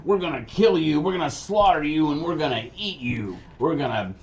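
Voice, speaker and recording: A man's voice: on the high side, expressive, a little fast, a little mellow, pitched above the performer's own voice. Man putting on a snarling hungry goblin. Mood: threatening. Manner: snarling threats, taunting. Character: menacing male goblin horde, hungry, brutish. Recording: dull lo-fi sound, faint ambience.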